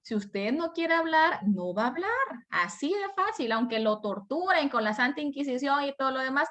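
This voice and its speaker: A woman's voice: sits high, animated, moderate pace, a bit bright. A woman from El Salvador with a Salvadoran accent, teaching an online class over a video call. She explains step by step and answers her own rhetorical questions. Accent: Salvadoran Spanish.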